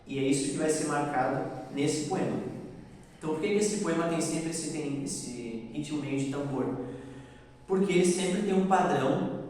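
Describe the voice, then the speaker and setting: A man's voice: fairly high pitch, a little mellow, slight background noise. A man teaching a class on poetic meter, patiently checking that students follow. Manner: patient, checks understanding often. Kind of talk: classroom lecture on poetry. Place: bar or venue room. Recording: echoey room, voice from a distance.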